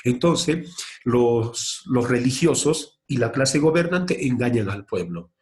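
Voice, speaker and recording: A male teacher in front of his class, firing off a question and then giving the answer himself. His voice sits at an ordinary middle pitch but climbs sharply on each question, so the lesson has an eager, call-and-response feel. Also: takes it slowly. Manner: asks questions and answers them himself, lively rises in pitch.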